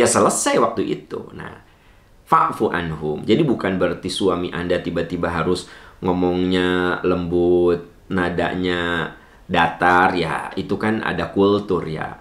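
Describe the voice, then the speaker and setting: A man with a low voice preaches with a light tinge, his pitch leaping high and dropping low. He leans on rhetorical questions and gentle counsel. The sound carries a roomy echo. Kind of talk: sermon answering a listener's question.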